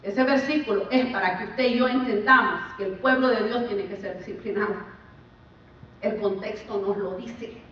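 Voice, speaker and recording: A woman preaching a sermon in a church, her delivery swinging between emphatic rises and quiet drops. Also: mid-range voice, moderate pace, a little hiss or hum. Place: church sanctuary. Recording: echoey far-off church mic, dull sound.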